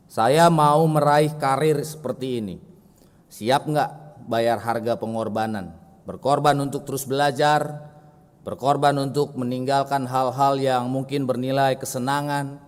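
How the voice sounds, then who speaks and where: A man's voice: medium pitch, darkish tone. A man preaching a sermon in a church, talking directly to the congregation and telling a story with vivid voices. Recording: echoey church hall.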